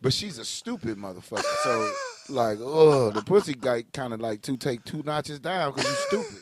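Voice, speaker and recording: A man co-hosting a casual podcast chat, brash and joking, breaking into high-pitched laughing bursts. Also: wildly swooping pitch, moderate pace, crowd noise. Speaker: podcast co-host. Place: Ann Arbor area, Michigan.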